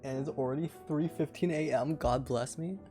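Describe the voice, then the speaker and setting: A man's voice: fairly high pitch, normal speed, dark tone, soft background music. A young man streaming from home late at night, reading a light novel aloud in a casual way, often breaking off to laugh and chat. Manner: giggly, breaks off laughing, chatty asides.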